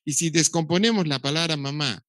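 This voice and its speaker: A man's voice: fairly high pitch, a little fast, fairly bright tone, no room sound. Man lecturing on child speech. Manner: explanatory, imitates baby sounds, dry humor. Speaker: doctor lecturing on child development. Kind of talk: recorded lecture.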